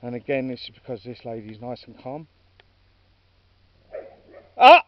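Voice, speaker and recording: A man's voice: medium pitch, steady tone, quick pace, far from the mic. A man talking casually while walking his dogs outdoors, chatty and informal, now and then calling his dogs. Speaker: dog walker filming his walk. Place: outdoors on a dog walk. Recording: dry, dull lo-fi sound from off-mic.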